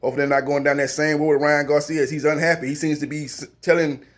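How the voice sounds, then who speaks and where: A man's voice: a little high, level tone, quick pace. A man hosting a boxing news channel, giving casual, rambling, opinionated commentary with many fillers and restarts.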